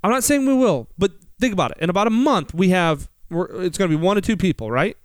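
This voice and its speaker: High-voiced American man hosting, clean and close. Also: expressive, quick pace, smooth, no echo. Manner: asks rhetorical questions, emphatic repetition. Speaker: financial radio show host. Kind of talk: conversational financial explanation.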